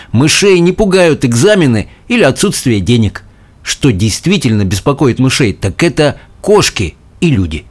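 Animated male storybook narrator. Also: medium pitch. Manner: expressive, animated reading. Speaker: audiobook reader. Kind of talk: first-person storybook narration.

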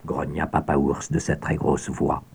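A man narrating a children's audiobook with expressive storytelling and soft asides. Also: very deep voice, unhurried, slightly rough.

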